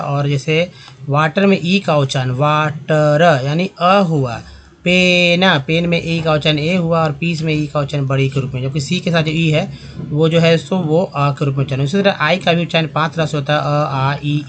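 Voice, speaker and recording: A man teaching English reading, slowly saying each word aloud and repeating it, speaking in a slightly higher voice. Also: a bit bright. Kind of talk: language lesson explaining pronunciation.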